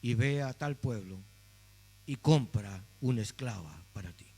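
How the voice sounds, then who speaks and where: A man voicing God as a tender, grieving heavenly father, speaking low and gently in an echoey hall with a faint hum. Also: expressive, a little slow.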